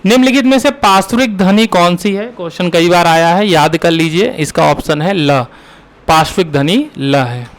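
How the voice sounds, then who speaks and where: High-voiced man teaching Hindi grammar. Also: normal speed. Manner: asks questions then answers them himself; repeats key terms for drilling. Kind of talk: exam-prep lesson.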